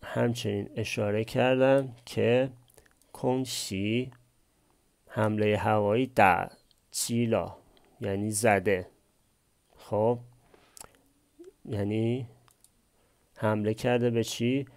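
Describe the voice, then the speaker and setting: Male language tutor, low and raspy, patient question-and-answer explaining. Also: fairly even intonation, long pauses, a little mellow. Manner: asks and answers his own questions. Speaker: language teacher. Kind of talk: explaining a text line by line.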